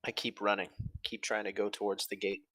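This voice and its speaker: A woman playing a tabletop game, stating her character's actions in a quiet, matter-of-fact way. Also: extremely low pitch, level tone, fairly quick, dry recording. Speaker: player.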